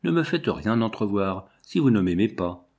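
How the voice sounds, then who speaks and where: A fervent young lover from an old novel, speaking in earnest, hushed tones, as a man reads him aloud. The voice sits a little low. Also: very animated, normal speed. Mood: pleading.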